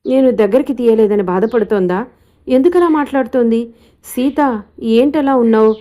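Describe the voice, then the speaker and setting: A woman voicing a young husband in a storybook reading, asking his wife soft, concerned questions. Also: on the high side, moderate pace, lightly acted. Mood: worried. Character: young husband, gentle and caring.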